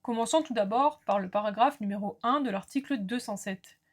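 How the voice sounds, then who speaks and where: Female lecturer, slightly high voice, clear explanations, asides to students. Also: fairly quick. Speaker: law lecturer. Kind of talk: recorded lecture.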